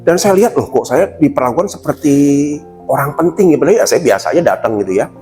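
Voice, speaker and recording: A man's voice: fairly high pitch, animated, quick pace, a little mellow, soft background music. A middle-aged man from Indonesia giving a leadership training talk to company staff. He often addresses the audience as sir and acts out quoted staff and bosses in snappy voices. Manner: addresses the audience as Pak again and again. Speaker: corporate trainer.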